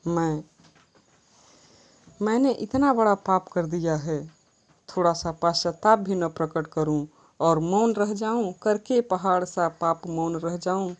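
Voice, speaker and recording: Woman teacher, slow and measured, recites verse then explains it; lowish voice. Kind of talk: Hindi poetry lesson explanation.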